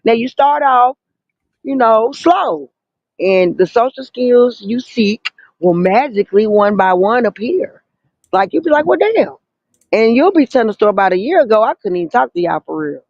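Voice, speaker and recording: A woman's voice: fairly high pitch, lively intonation, moderate pace, darkish tone, dry recording. A woman in her forties from the American South with a Southern drawl, chatting casually in a slangy, profane, teasing way. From Southern United States. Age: 40s. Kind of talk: casual group voice chat. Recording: muffled, band-limited voice call.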